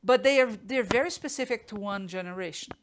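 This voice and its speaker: A woman's voice: medium pitch, a little fast, a little hiss or hum. A woman hosting a live online art business course, talking through ideas with frequent restarts and fillers, recorded at home on a desk mic.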